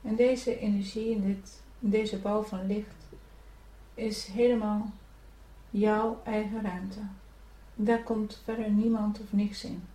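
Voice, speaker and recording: A woman leading a guided spiritual meditation, giving gentle, soothing instructions to breathe and relax. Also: mid-range voice, level tone, slow. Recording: echoey room, from a distance.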